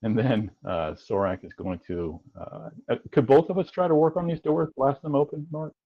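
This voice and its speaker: At a normal speed and in a mid-range voice, a man takes part in a tabletop game over a stream. His speech is hesitant and formally worded, full of fillers, and the recording sounds dull and lo-fi.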